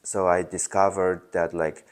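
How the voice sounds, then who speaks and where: A young man speaks in a very deep, low voice with a mixed Polish and Mongolian accent. He talks casually and unscripted, hesitating often with fillers and restarting his sentences. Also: level tone, a little slow. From Poland. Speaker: self-help video host.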